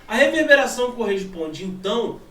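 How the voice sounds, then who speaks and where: Brazilian male teacher, high voice, animated, echoey room far from mic. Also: a little fast, slight background noise. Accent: Brazilian Portuguese. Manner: animated, asks and answers his own questions. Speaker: physics teacher. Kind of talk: classroom lesson. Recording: echoey room from a distant mic, faint ambience.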